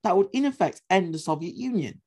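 A man's voice: high voice, lively intonation, brisk, mellow. A man hosting a history podcast, talking in an emphatic, opinionated way, repeating points for stress and swearing casually. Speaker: podcast host.

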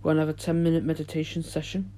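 A man hosts a solo podcast, chatting casually in an informal, halting, unpolished way. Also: a little high, little pitch movement, dark tone, slight background noise. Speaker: podcast host.

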